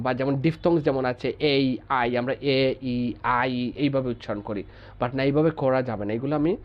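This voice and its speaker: A man's voice: mid-range voice, dull audio. A man teaching an online phonetics class. He keeps asking rhetorical questions and checking with "okay?".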